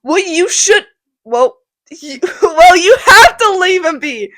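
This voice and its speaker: A woman's voice: extremely high pitch, animated, slow pace, a bit bright, pitched above the performer's own voice, exaggerated voice. A teenage girl voicing a bossy, scolding head-of-house uncle in a school drama project. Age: teens.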